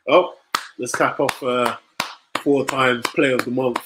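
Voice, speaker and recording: A man's voice: medium pitch, very noisy. A man hosting a football watch-along stream, teasing his viewers, laughing often and reacting to the play as it happens. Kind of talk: casual live-stream chat.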